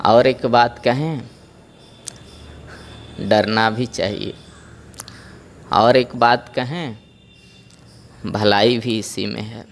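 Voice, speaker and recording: A man telling a devotional story as a sermon, animated and voicing the characters. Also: mid-range voice, very slow, vocal fry, long pauses, a little hiss or hum. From Bihar, India. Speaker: religious storyteller.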